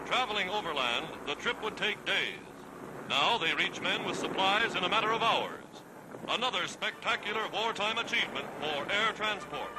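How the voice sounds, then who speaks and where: Dramatic old newsreel announcer, high-pitched man. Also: animated, moderate pace, noisy background. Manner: emphatic, dramatic announcer delivery. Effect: old newsreel narration. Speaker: newsreel narrator. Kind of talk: 1940s newsreel narration. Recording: old newsreel soundtrack with loud music. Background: loud orchestral music.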